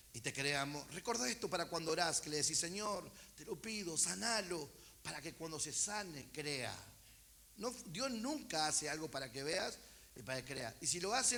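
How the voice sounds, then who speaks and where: A man's voice: a little high, pushed and bright. A man with a Rioplatense Argentine accent preaching a sermon, reading scripture aloud and calling out to his congregation with chatty asides. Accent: Rioplatense Argentine Spanish. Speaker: pastor. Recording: church service.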